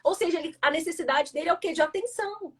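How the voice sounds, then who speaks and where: A woman's voice: extremely high pitch, racing. A Brazilian woman hosting a live stream, explaining ideas about feelings and reading out viewer comments in an encouraging teaching tone. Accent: Brazilian Portuguese. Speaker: host, journalist and communication coach.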